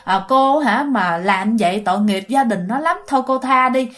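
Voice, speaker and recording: A woman voicing an elderly grandfather who gently and slowly begs a spirit to spare a girl. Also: on the high side, natural voice. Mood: pleading. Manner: soft, slow, pleading.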